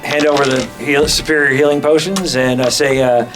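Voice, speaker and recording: A man's voice: medium pitch, steady tone, fairly quick, rough recording. A man chatting casually as a player in a tabletop role-playing game. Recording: music clearly behind.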